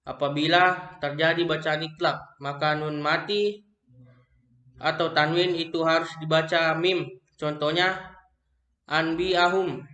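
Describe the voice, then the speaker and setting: A young man with an Indonesian accent works through a recitation lesson, reading slowly from his notes and often stumbling and restarting words. His voice is bright and a little high. The room around him rings with echo. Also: fairly even intonation, highs cut off. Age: young adult. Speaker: student presenting an assignment. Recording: echoey room.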